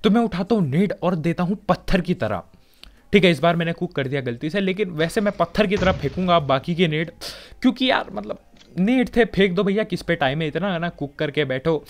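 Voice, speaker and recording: A man's voice: high voice, lively intonation, brisk. A young man with a Hindi accent giving casual, joking commentary over his own game footage. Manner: chatty, joking, colloquial filler-heavy. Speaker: gaming commentator.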